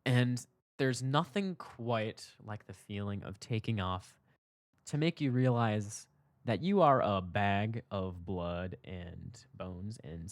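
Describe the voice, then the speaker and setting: A young man hosting a podcast, telling a personal story in a candid, reflective way, his voice jumping up for emphasis and dropping low for asides. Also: no echo, studio quality. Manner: reflective, candid, swings between loud emphasis and soft asides. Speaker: podcast host.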